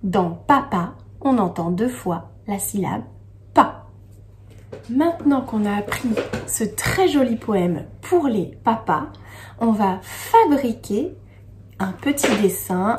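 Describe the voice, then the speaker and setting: Female preschool teacher, slow and gentle, with a very animated, singing lilt for small kids. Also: mid-range voice, slight background noise. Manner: slow, sing-song delivery that stresses each syllable; reads the poem slowly and gently. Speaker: kindergarten teacher. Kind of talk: teaching young children.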